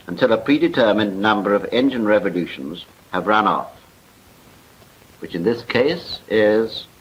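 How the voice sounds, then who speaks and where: Here a British man, his voice fairly low and fairly bright, provides film voice-over narration that is formal, precise and scripted, echoing a 1940s military training film. The recording is a muffled, noisy 1940s soundtrack.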